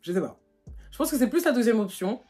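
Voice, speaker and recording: A young woman from France, telling a casual storytime to her vlog audience in animated, slangy talk full of fillers. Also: fairly high pitch, fast, breathy edge, soft background music. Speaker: vlogger. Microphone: phone.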